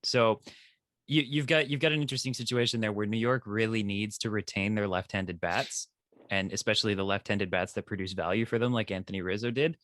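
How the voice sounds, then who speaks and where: A man with a fairly low voice speaks quickly in a conversational, analytical sports-talk style. The sound is very dry, with no room echo. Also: fairly even intonation, a bit bright. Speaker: sports podcast panelist.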